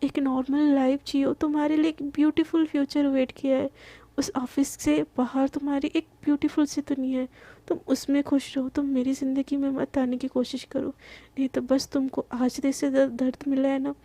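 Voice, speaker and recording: Brief: a woman as a young woman boss, tender and earnest, high voice with a gravelly edge, dry close sound. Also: level tone, normal speed, dark tone, no echo.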